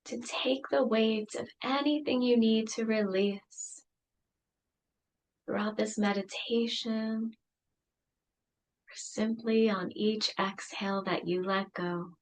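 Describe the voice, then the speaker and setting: A woman leading a guided meditation, speaking softly and soothingly with long pauses. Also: on the high side, fairly even intonation, low-quality recording.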